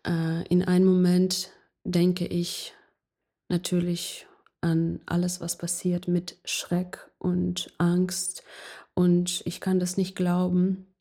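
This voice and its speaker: A woman from Ukraine with a Ukrainian accent, a jazz singer answering interview questions haltingly, often searching for words. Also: lowish voice, monotone, dark tone.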